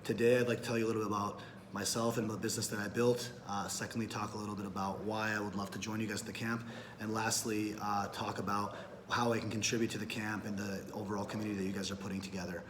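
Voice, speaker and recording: A Peruvian entrepreneur in his thirties, applying to a camp, gives a prepared self-introduction in a businesslike way with occasional fillers and self-corrections. His lowish voice is flat and fast, against a noisy background.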